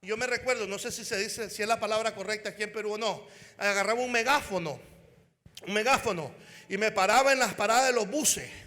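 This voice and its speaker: A man preaching a fervent sermon as an evangelist at a conference, often shouting and calling out to the crowd. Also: sits high, fairly quick, in a large hall. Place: conference hall.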